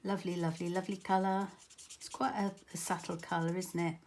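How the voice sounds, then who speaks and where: Middle-aged english lady from the south, low gravelly voice, rambly crafting chat, bit of hiss behind. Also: level tone, fast talker. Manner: chatty, rambling, self-correcting. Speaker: card-making tutor. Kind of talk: casual crafting tutorial.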